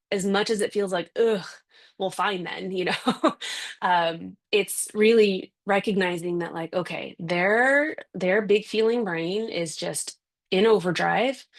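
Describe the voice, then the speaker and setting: A woman, a parenting specialist, giving a conversational, emphatic talk full of rhetorical questions. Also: mid-range voice.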